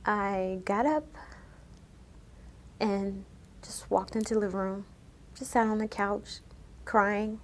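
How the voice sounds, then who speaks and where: A woman speaks in a news interview, recounting her own experience in a soft, emotional voice. She often falls quiet, her words sinking low and subdued as she tells her story. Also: slow pace, pauses often. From United States. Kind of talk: personal account in a news interview.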